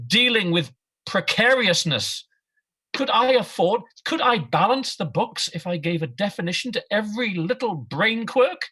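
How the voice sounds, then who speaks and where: A woman playing an anxious, burdened husband in a play reading, speaking in a deliberate, declamatory way. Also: deep voice, fairly bright tone, breathy edge, full character voice. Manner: deliberate, declamatory, repeating phrases. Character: anxious, burdened husband, a self-styled solid man.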